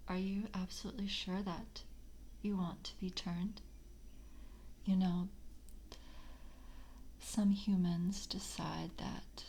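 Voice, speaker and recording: In a soft ASMR roleplay, a woman voices a polite but slyly predatory vampire coven screener who is hungry and entranced. She whispers hesitantly in formal, coaxing words, her lowish voice heavily acted.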